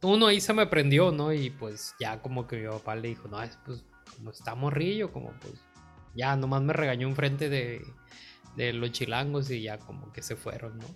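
A man's voice: medium pitch, moderate pace, soft background music. A man telling a story in a casual, slangy way and laughing easily as a podcast guest.

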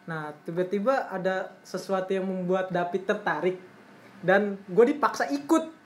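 A woman's voice: mid-range voice, measured pace. Young Jakarta woman talking in slang, roomy echo. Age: young adult. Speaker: storyteller leading a group chat. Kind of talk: casual chat, telling an anecdote. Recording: roomy echo, faint background noise.

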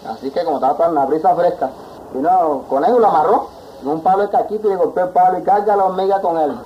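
A man telling a folk tale in a lively, rambling way, on a dull lo-fi 1960s field tape. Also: high voice, fast talker, a little hiss or hum. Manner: lively and rambling, acts out animals. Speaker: folk storyteller. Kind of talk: oral folk tale narration.

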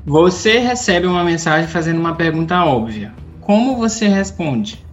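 A woman's voice: on the low side, lively intonation, moderate pace, soft background music. A woman chatting casually with friends, reading out quiz questions in a playful, teasing way. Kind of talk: casual chat.

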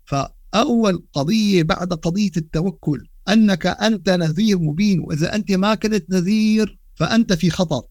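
A man with a Levantine Arabic accent giving a religious podcast lesson, animated and full of rhetorical questions, with Quran quotes woven into his dialect. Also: high-pitched, moderate pace, few pauses, dry recording, clean studio sound. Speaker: Islamic lecturer.

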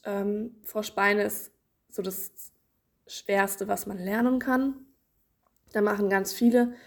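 A woman's voice: medium pitch, vocal fry, darkish tone. A woman hosting a podcast, casually explaining children's swimming exercises with playful images and frequent fillers. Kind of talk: casual instructional podcast talk.

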